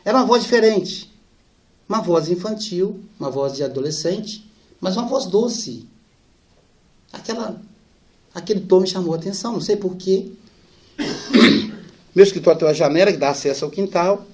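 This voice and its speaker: A middle-aged man giving a storytelling lecture, acting out dialogue and dropping soft and slow for sad parts. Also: high voice. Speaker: spiritist speaker.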